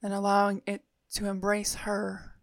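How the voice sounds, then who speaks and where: A woman leading a guided meditation in a soothing, unhurried manner with long pauses. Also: medium pitch, monotone, no echo.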